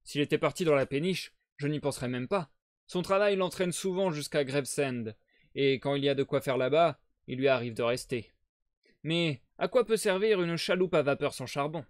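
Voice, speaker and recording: A man voicing a vigorous, worried boatman's wife and mother, in a loud, high, pleading voice. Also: normal speed, dry recording, studio quality, close to an everyday voice.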